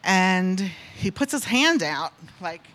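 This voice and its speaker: A woman from North Carolina telling a church congregation a personal story, animated and acting out the people in it. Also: lowish voice, slow. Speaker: church speaker. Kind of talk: storytelling testimony.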